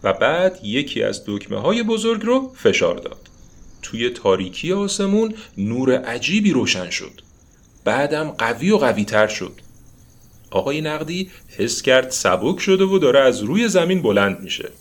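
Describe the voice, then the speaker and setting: A man's voice: mid-range voice, sing-song. A man narrating a children's story expressively, with asides to the listeners.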